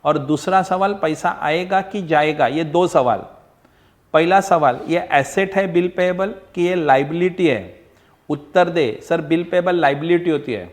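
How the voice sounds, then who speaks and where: Male tutor, fairly high voice, pleading, repetitive online lecture delivery. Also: measured pace. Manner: coaxing, repetitive, mixes Marathi, Hindi and English; acts out student replies. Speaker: accounts teacher.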